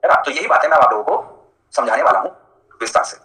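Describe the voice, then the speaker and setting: Fast, bright-voiced male teacher. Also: medium pitch, expressive, echoey room, rough recording. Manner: chatty, jokey, answers students by name. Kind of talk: live online class lecture.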